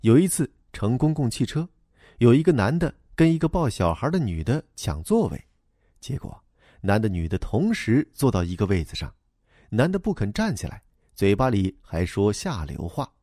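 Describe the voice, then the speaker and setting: A man's voice: medium pitch, big pitch swings, moderate pace, mellow, no room sound, clean studio sound. A man reading a storybook aloud as narrator, in a wry, playful way.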